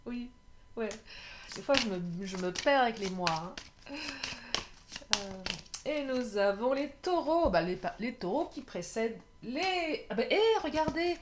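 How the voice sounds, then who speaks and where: A woman's voice: a little high, slight background noise. Chatty woman giving a tarot reading. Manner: chatty, laughs often, frequent filler sounds. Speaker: tarot card reader. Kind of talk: casual tarot reading to viewers.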